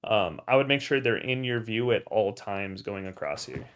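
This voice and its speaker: A young man casually reviewing gameplay clips as a coach, talking in a relaxed, blunt way with loose fillers and the odd swear word. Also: lowish voice, normal speed, clear, resonant tone. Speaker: gameplay coach and channel host.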